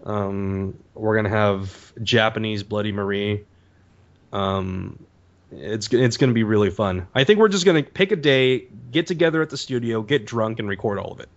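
A man guesting on a podcast as a voice actor, telling stories in a casual, animated way full of "like" and "um". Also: lowish voice, normal speed, lo-fi sound. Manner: animated storyteller, peppered with "like" and "um".

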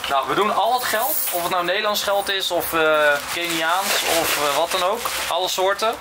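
A man's voice: sits high, normal speed. A young man with a Dutch accent, hosting a casual vlog on a covered patio outdoors. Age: young adult. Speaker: vlog host. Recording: clear outdoor ambient noise.

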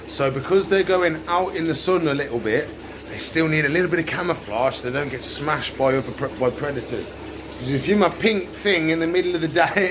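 Inside the aquarium shop, the same thirtysomething vlogger keeps up his casual, unscripted explanation of what he's up to. His voice is a little high, and background noise can be heard.

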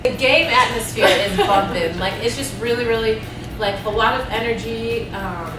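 A woman's voice: on the high side, normal speed. Enthusiastic young woman, echoey room. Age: young adult. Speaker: college basketball player. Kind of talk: team promo interview. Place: locker room. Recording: roomy, distant mic under music.

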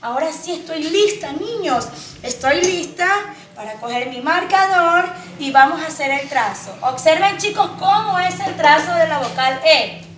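Woman, preschool teacher, very high voice, sing-song coaxing to small children, echoey room. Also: expressive, fairly bright tone, far from the mic. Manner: slow sing-song, drawn-out words, coaxing questions to children. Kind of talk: online phonics lesson for young children.

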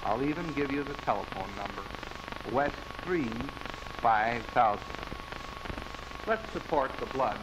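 An earnest man makes an urgent, measured public service appeal in the style of an old 1950s newsreel. His voice sits at an ordinary middle pitch. A clear layer of hiss and noise runs under the whole recording. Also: expressive. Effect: old 1950s newsreel broadcast sound.

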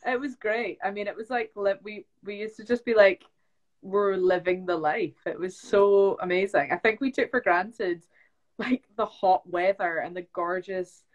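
A woman's voice: medium pitch, moderate pace, muffled recording. Chatty young British woman. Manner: chatty, lots of "like" and "um" fillers. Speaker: actress guest. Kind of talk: casual live-stream chat. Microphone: phone on a video live stream.

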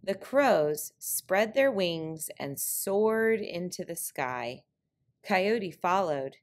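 A woman reading a trickster tale picture book aloud as scripted narration, with deliberate, clearly phrased storytelling. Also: fairly low pitch, expressive.

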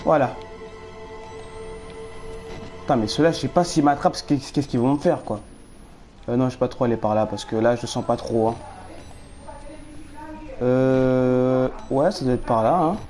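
A man commentating a horror game live, nervous and jittery, repeating words when scared, his voice going hoarse. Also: mid-range voice, measured pace, pauses often, dark tone, faint music behind. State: losing his voice.

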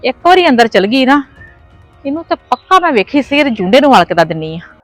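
Woman acting cursing mother-in-law, high voice, dry sound, faint music. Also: big pitch swings, quick pace, no room sound, low-quality recording. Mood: fretful. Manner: shrill, cursing, scolding. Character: scolding quarrelsome mother-in-law, shut out of the house. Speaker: actor. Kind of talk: village family drama acting.

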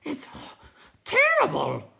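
A man voicing a small, anxious night hob creature who hoots in squeaky, startled outbursts. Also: wildly swooping pitch, unhurried, creaky, a bit bright, heavily acted. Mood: alarmed.

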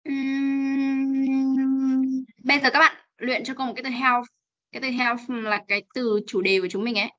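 Bright lo-fi Vietnamese woman teacher. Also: high-pitched, little pitch movement, moderate pace. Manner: coaxing and drilling pronunciation. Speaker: English teacher. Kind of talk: online class teaching. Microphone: video call. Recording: lo-fi video call audio.

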